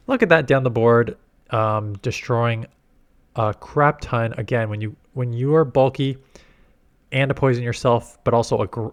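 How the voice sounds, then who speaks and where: Rambling male gaming commentator. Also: mid-range voice. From Canada. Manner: rambling, self-correcting, explanatory. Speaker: gaming YouTuber. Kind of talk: casual commentary on game strategy.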